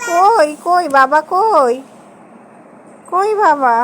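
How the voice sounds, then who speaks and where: A woman's voice: very high-pitched, animated, very slow, a bit bright, a little hiss or hum. A woman, a mother coaxing and questioning her baby in sing-song baby talk.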